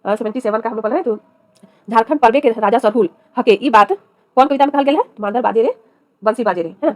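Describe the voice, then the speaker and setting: Woman teacher, reads the question then says the answer, quick and a bit high, dry sound. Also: dry recording. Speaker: exam-prep teacher. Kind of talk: reading quiz questions and giving answers.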